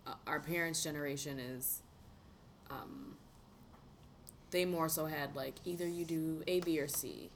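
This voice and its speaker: Relaxed woman podcast host, lowish voice. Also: a little slow, pauses often, slight background noise. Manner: relaxed, encouraging, trailing into "um" and "like". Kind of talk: casual conversation.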